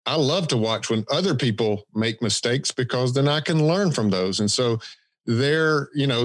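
A man's voice: mid-range voice, no room sound. A man with a thick Southern accent from Georgia, co-hosting a podcast in a casual, folksy, self-deprecating way. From Georgia, United States. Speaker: podcast co-host. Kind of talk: casual conversational podcast talk.

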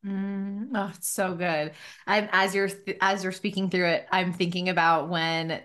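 A woman hosting a podcast in casual conversation, talking emphatically and warmly affirming her guest. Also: lowish voice, flat delivery, a little slow. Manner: emphatic, affirming, repeats "so good". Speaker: podcast host.

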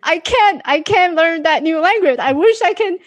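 High-voiced woman guest. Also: lively intonation, moderate pace, dry recording. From Taiwan. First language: Mandarin Chinese. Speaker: life coach guest. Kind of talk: podcast interview.

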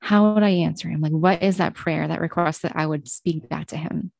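A woman with a somewhat low voice speaks earnestly, stacking reflective questions and casual "like" fillers. The sound is dry and close, with no room around it. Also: fairly even intonation, brisk, gravelly, a little mellow, no echo. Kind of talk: reflective Bible teaching chat.

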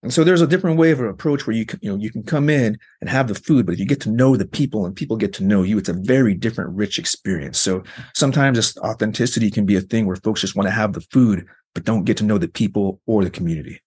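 Male researcher guest, quick and husky, explanatory, filler-heavy conversational delivery. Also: on the low side, a little mellow. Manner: explanatory, frequent fillers like "like" and "you know". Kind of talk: conversational interview.

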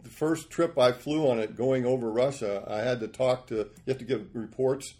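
A man in his sixties, a podcast guest, telling rambling, animated stories about his life. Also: mid-range voice, normal speed. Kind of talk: storytelling interview.

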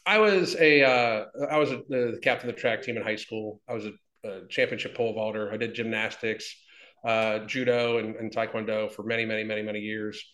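A man's voice: fairly low pitch, fairly even intonation, fairly quick, a bit bright. A man in his fifties, talking bluntly and with lots of swearing, rambling with restarts as an interview guest. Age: 50s. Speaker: interview guest, fitness business owner. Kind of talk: casual interview talk. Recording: echoey room.

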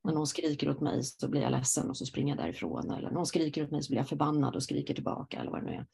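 A woman hosting a conversation as a therapist, explaining ideas slowly and reflectively with frequent affirming murmurs. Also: low-pitched, big pitch swings, gravelly, warm tone, breathy edge. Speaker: podcast host, psychosynthesis therapist. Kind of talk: calm conversational interview.

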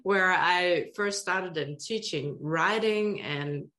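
A middle-aged Danish woman, an education consultant with a Danish accent, earnestly explains her work as a guest on a podcast interview. Her voice is fairly low in pitch yet fairly bright in tone, and she speaks slowly.

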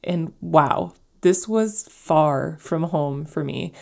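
A woman's voice: low-pitched, slow, gravelly. A woman hosting a casual personal storytelling podcast, sounding stuffy and congested from a cold, chatty and easygoing. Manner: chatty, easygoing, with soft laughs and fillers. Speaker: podcast host.

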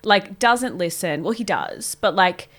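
A woman's voice: mid-range voice, expressive, measured pace, a bit bright. A young woman, co-hosting a podcast and telling a story in casual chat, swearing freely and laughing often. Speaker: podcast co-host.

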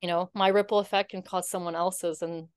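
A woman's voice: fairly low pitch, flat delivery, brisk, smooth, dry recording, clean studio sound. A woman guest in her thirties telling her story in a casual interview, earnest and heartfelt, with many fillers. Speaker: podcast guest.

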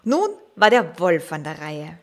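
A woman narrating a children's story gently, speaking directly to the young listener. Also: low voice, very animated. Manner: slow, gentle, addressing the young listener, at times whispering.

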